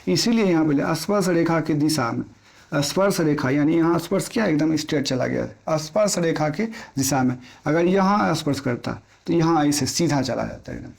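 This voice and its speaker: A man's voice: fairly high pitch, animated, normal speed, gravelly. A man teaching an exam-prep physics lesson in plain everyday Hindi, repeating key points and asking questions he answers himself.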